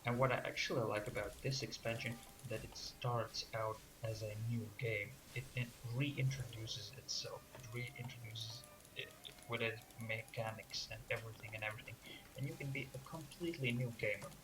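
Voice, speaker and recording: A man chatting casually about video games in a relaxed, teasing way. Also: on the low side, moderate pace, music in the background, low-quality recording. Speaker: co-host. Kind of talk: casual gaming chat.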